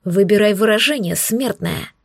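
A man's voice: high voice, creaky, dry recording, clean studio sound. Woman doing a growling, domineering male demon. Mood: growling angry. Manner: growling, slow and clipped.

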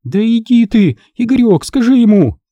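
A frantic, foul-mouthed young addict woman, voiced by a man in an audiobook thriller. The voice sits well up high and begs shrilly. Dry, close sound. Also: very animated, normal speed, warm tone, no room sound, muffled recording. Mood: pleading. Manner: shrill, begging. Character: desperate young junkie woman, pleading, crude.

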